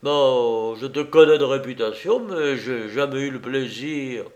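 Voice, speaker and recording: A man doing a charming gentleman thief. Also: mid-range voice, a little slow, highs cut off, close to an everyday voice. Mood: sly. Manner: gallant, playful. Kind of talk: audiobook reading.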